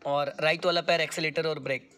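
A male driving instructor coaching a learner inside a car, patient and repetitive, giving step-by-step instructions with some gentle teasing. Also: on the high side, fairly even intonation, fast talker, a little hiss or hum.

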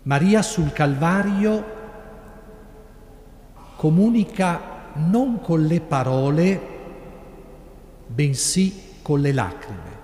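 A middle-aged man with an Italian accent, a priest preaching a sermon in slow, measured phrases with long pauses. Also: fairly high pitch, lively intonation, darkish tone. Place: large church sanctuary. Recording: echoey church with long reverb, live broadcast.

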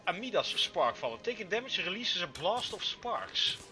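A man's voice: high-pitched, sing-song, a little slow, loud music behind the voice. A young man with a Dutch accent, bantering and giggling while gaming online with friends. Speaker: gamer. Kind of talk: casual gaming chat.

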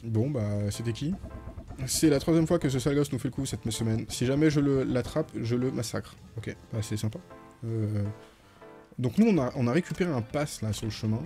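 A man's voice: medium pitch, moderate pace, faint music behind. A man streaming a video game, chatting casually and thinking aloud as he plays. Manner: relaxed, thinking aloud with fillers.

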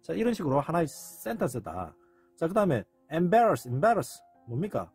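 A man with a very husky, rough voice explains word comparisons in an informal lecture. His tone is a little higher than usual for a man. He repeats phrases often and swings his pitch widely as he acts out exclamations. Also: moderate pace, faint music behind. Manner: animated, repetitive, acts out quoted exclamations.

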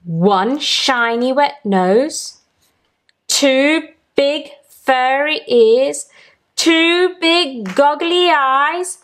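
A woman reads aloud as a storytime reader for young children. Her voice sits a little high and she takes her time, going extremely slowly. She chants the lines in an expressive sing-song, stretching out words deliberately. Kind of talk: expressive picture-book read-aloud.

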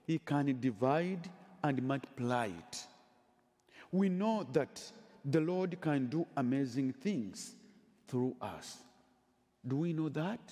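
A middle-aged priest delivers a homily at a very slow, measured pace, his voice dark and a little husky. His pitch moves widely and expressively between phrases. The sound carries a long church reverb. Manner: slow, deliberate preaching with emphatic pauses. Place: church sanctuary, at a lectern. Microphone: headset mic.

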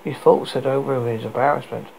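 A British man with a gravelly voice narrates a story aloud in a halting, stumbling way. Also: mid-range voice, steady tone, a little mellow, poor audio. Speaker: podcast host reading a story. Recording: noticeable background noise.

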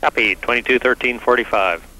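A man's voice: mid-range voice, a little fast. A man at mission control talking to astronauts over radio in procedural phrases. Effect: ground-to-space radio. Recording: sharp noisy radio link with hum.

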